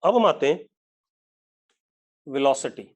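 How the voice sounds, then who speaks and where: A man's voice: a little high, lively intonation, a little mellow, muffled recording. Hindi-speaking male physics teacher dictating. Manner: dictates slowly, asks students if it's clear, mixes English terms into Hindi. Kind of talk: online live class lecture.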